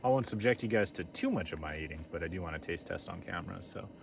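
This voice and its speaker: A man's voice: low-pitched, animated, fast, creaky. A man chatting casually to the camera as a camping vlogger, informally talking through what he is doing outdoors. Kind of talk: casual chat to camera while cooking and camping. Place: outdoors at a campsite. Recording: noisy outdoor ambience.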